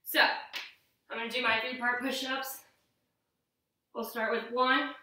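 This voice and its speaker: Female aerobics instructor, higher-pitched, encouraging home-workout coach, heavily reverberant room sound. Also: level tone, measured pace, sharp tone. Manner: aerobics-instructor style, encouraging, counting reps aloud. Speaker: fitness instructor. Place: living room with wooden floor. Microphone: camera mic from a few metres. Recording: very echoey room, distant mic.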